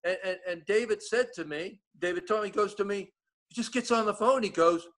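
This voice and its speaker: A man's voice: high voice, a little fast, fairly bright tone. A man with an East Coast American accent, chatting casually as a guest and rambling through many restarts. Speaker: guest giving updates. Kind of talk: casual chat.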